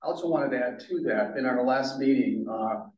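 Board member in an echoey meeting room. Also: male voice, medium pitch, brisk, recorded from a distance, muffled recording. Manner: conversational, hesitant fillers. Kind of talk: public meeting discussion.

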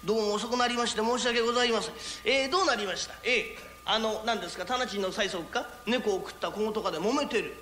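A man playing a polite, well-mannered go-between. He explains things in a courteous, smooth way. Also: high-pitched, fast talker, bright, forceful tone, echoey room, a little hiss or hum.

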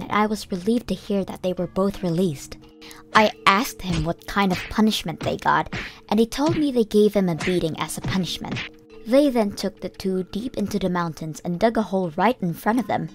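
Over soft music, a woman reads a first-person story from a script. She speaks with a middling pitch and an earnest manner.

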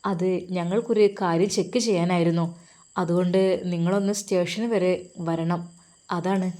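A woman's voice: fairly low pitch, fairly even intonation, normal speed, mellow, natural voice. A woman voicing a polite, dutiful male police officer explaining his orders in an audio story. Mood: formal. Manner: formal, explaining.

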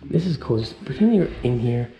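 Talking straight to his audience, this thirties-aged vlogger offers easygoing commentary while walking through an empty, abandoned house. He has a medium-pitched, sing-song voice at a moderate pace. The handheld camera mic captures crowd noise, faint noise and the echo of bare rooms.

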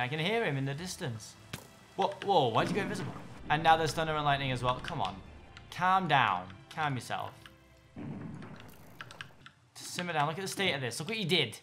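An excitable young man narrates his gameplay with a slightly high voice. He gushes, exclaims and chats to the creatures on screen. Soft music plays faintly underneath. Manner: excitable, gushing, talks to the game animals. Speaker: gaming YouTuber. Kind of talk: let's play commentary.

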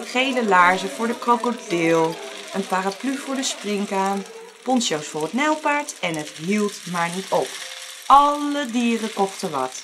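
Expressive woman storyteller with lively pitch. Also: measured pace, background noise. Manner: expressive, dramatic. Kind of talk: storybook narration for children.

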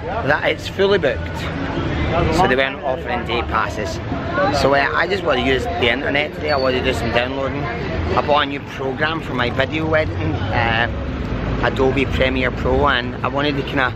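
A man's voice: mid-range voice, normal speed, very noisy. A man talking casually to his vlog viewers in an upbeat, enthusiastic way, like a cruise director.

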